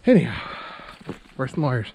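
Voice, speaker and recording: A man with an Upper Midwest accent talks his way through a casual outdoor vlog in the snowy woods, rambling and joking at his own expense. His voice sits at a mid pitch, with faint noise in the background. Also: big pitch swings, brisk. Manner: rambling, folksy, self-deprecating. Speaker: vlogger.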